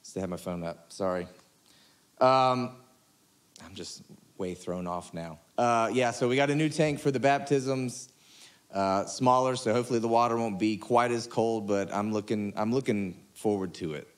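A pastor hosting a casual church livestream talk, loose and joking, with lots of fillers. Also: male voice, medium pitch, moderate pace. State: out of breath. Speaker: pastor and podcast host. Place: church room, on a couch.

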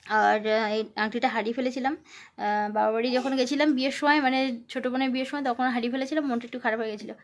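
Young mom vlogging at home, chatty and rambly, kinda high voice, bit of faint hiss behind. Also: female voice, fairly even intonation, rapid-fire. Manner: chatty, rambling with fillers, coaxing when quizzing the child. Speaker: vlogger and mother. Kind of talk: casual home vlog chat.

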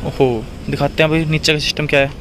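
Talking fast in a fairly high, even-toned voice, a vlogger in his twenties with a western Uttar Pradesh accent speaks informally and directly to his viewers. The casual chat takes place outdoors, along a roadside and in a restaurant garden.

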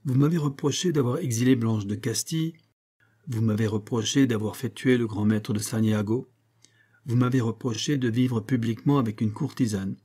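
A man's voice: mid-range voice, fairly even intonation, normal speed, dark tone, slightly rough, lightly acted. A man reading an audiobook, voicing a proud medieval king who speaks in imperious, stern pronouncements. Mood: confiding.

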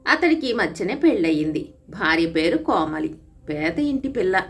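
A woman storyteller reading a moral folk tale in a steady, scripted narration. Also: lowish voice, moderate pace.

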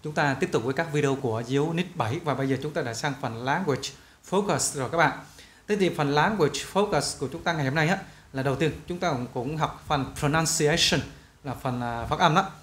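A young man with a Vietnamese accent teaching an English pronunciation lesson, drilling each model word slowly and loudly. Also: on the high side, roomy sound. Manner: lively, repeats model words slowly and loudly.

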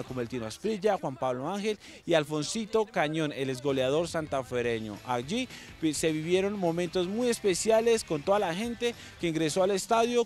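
A young man, a sports reporter, presenting an upbeat segment outdoors with a handheld mic. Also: on the high side. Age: young adult. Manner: upbeat, enthusiastic presenter delivery.

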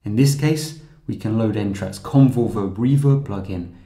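A man narrating a scripted software tutorial in a calm, steady, explanatory way. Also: on the low side, unhurried, roomy sound.

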